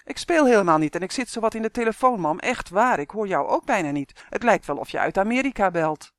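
A storybook reader voicing an indignant young boy who speaks up loudly on the phone, in a dry recording. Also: medium pitch, animated, brisk, no echo, natural voice.

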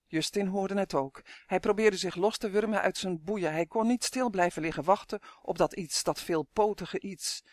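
A man's voice: high-pitched, moderate pace, few pauses, no echo, clean studio sound. A man narrating a fantasy storybook in a vivid, dramatic reading. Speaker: audiobook narrator.

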